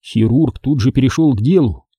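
A man reading an audiobook in a measured, expressive way. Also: medium pitch, husky, no echo. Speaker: audiobook narrator. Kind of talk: scripted audiobook narration.

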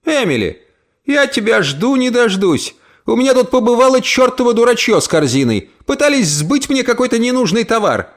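A sharp-tongued old woman in a storybook, scolding in a high, shrill voice that leaps up and down. A man acts her out, pitching far above his own speaking voice. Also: sing-song, normal speed, exaggerated voice. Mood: chatty.

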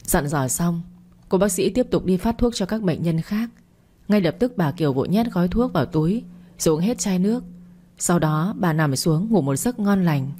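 A woman tells a story in a calm, even audiobook style. Her voice sits a little low and sounds mellow and soft-edged, with a steady, unhurried delivery. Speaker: narrator. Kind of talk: scripted audiobook narration.

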